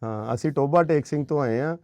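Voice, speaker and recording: A man's voice: mid-range voice, fast talker, a little mellow, no echo, studio quality. A man talking earnestly to a family as he hands over aid money, reassuring and preachy, often checking with short questions. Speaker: charity worker handing over aid. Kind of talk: earnest on-camera talk.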